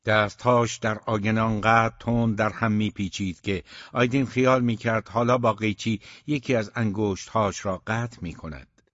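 A man narrating a novel aloud in a steady, measured reading, in a dull, dry recording. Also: on the low side, no room sound. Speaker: audiobook narrator.

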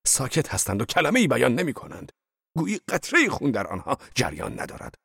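A man voicing a fiery, blunt old male laborer in an audiobook reading, with a gravelly voice and loud, scornful outbursts. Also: mid-range voice, wildly swooping pitch, no room sound, clean studio sound, pitched above the performer's own voice, full character voice. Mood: fierce.

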